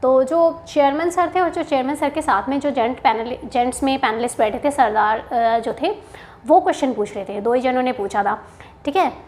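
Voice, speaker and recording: High-voiced chatty young woman. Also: moderate pace, darkish tone. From Haryana, India. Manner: chatty, mixes Hindi and English, frequent "theek hai" asides. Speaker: bank officer sharing interview experience. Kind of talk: casual storytelling to camera.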